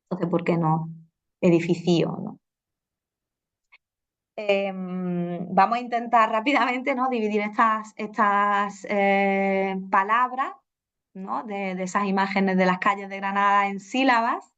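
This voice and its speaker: A woman's voice: medium pitch, takes it slowly, fairly bright tone, clear, resonant tone. A woman giving a talk as a language teacher, explaining at an easy pace with many "eh" fillers and questioning "¿no?" tags. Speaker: Spanish teacher presenting. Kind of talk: conference talk with slides. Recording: dull lo-fi recording.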